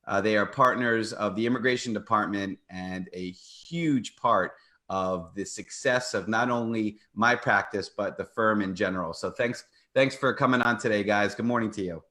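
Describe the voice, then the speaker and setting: A man's voice: fairly low pitch, normal speed, sharp tone. A man hosting a live legal radio show, talking in upbeat promotional patter. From United States. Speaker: host, personal injury attorney.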